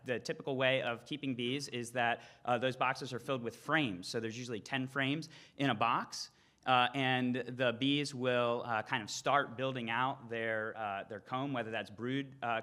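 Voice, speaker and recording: Male speaker, average pitch, crisp-edged bright tone; casual explainer full of hesitant ums. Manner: hesitant, filler-heavy explaining. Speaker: conference speaker.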